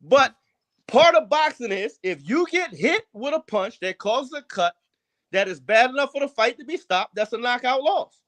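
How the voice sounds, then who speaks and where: A man's voice: very high voice, expressive, normal speed, fairly bright tone. A man co-hosting a casual boxing podcast, arguing his points firmly and emphatically. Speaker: podcast co-host.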